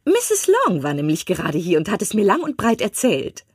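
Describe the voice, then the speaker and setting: A fussy, excitable mother pushes her husband in shrill, breathless bursts, as a woman reads her in an audiobook. Her voice leaps high and swoops widely, with a husky grain. The recording is dry and close. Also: normal speed, no room sound, full character voice. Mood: excited, insistent. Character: fussy excitable middle-aged mother, matchmaking. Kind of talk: audiobook reading.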